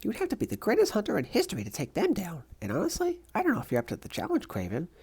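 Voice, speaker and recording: A woman voicing a brash, chirpy, earnest young female superhero with squirrel powers in a comic dub, in a bubbly, sassy, excitable way. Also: medium pitch, rapid-fire, slightly rough, exaggerated voice. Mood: earnest, persuasive.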